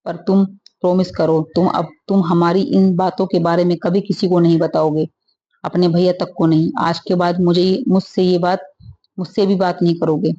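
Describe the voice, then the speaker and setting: A woman voicing a hurt, angry young married woman in a read-aloud story, asking sharp, upset questions. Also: lowish voice, little pitch movement, normal speed, dull audio, lightly acted. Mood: pained.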